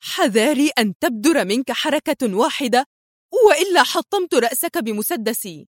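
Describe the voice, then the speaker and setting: A woman's voice: expressive, moderate pace, no echo. A woman voicing a fierce young female spy who threatens with a pistol, in a dry, close storybook reading. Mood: threatening. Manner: shrill, threatening.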